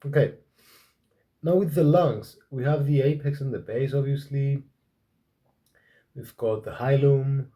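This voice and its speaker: A man hosting a casual study session in an easygoing, hesitant way. He often restarts his sentences and teases his partner. His voice has a mellow, warm tone at a mid pitch. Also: steady tone, unhurried, pauses often. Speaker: student and podcast host.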